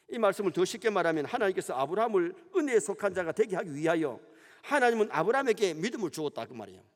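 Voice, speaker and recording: A middle-aged male pastor with a Gyeongsang Korean accent and a high voice preaches a sermon in an animated, storytelling style. He is in a church sanctuary, and the recording carries the long reverb of a church hall.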